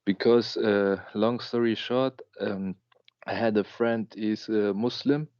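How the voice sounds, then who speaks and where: A man in his late twenties from Germany, calling into a live show and telling a personal story in a halting way. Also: lowish voice, steady tone, darkish tone, clear, resonant tone, no room sound, dull audio. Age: late 20s. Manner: halting, with many fillers and restarts. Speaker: caller.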